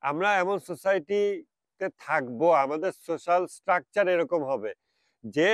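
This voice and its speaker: A man with a Bangladeshi Bengali accent talks over a religious and social theme at a reflective pace. His voice sits a little high for a man, and the recording is dry and close. He drops into drawn-out English phrases now and then. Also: animated, no room sound. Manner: mixes English phrases, stretches them out slowly. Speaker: speaker.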